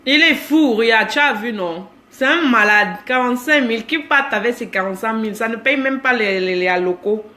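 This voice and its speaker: A woman's voice: fairly high pitch, moderate pace, hardly any pauses, pushed and bright. A woman in her thirties with a Cameroonian accent, chatting casually on a live stream, greeting viewers by name and teasing them. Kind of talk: casual live-stream chat reading comments.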